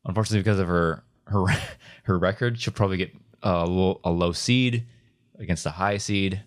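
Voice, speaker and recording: A man with a slightly low voice co-hosts a casual podcast, talking eagerly and rambling through restarts as he breaks down matches. He sounds relaxed and conversational. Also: brisk. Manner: enthusiastic, rambling, many restarts and "come on, man". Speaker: podcast co-host. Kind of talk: casual chat recapping competition matches.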